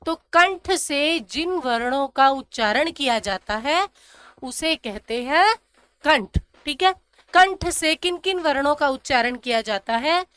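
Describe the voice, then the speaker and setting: A woman teaching a grammar lesson, slowly repeating syllables and asking questions that she answers herself. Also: high-pitched, lively intonation, fairly bright tone. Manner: drills syllables slowly, asks and answers her own questions. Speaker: Sanskrit teacher.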